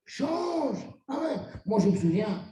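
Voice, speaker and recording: A middle-aged man from Tunisia, a rabbi giving a sermon as an animated storyteller who acts out the dialogue. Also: very high-pitched, takes it slowly, slight background noise. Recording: very echoey room, mic far off.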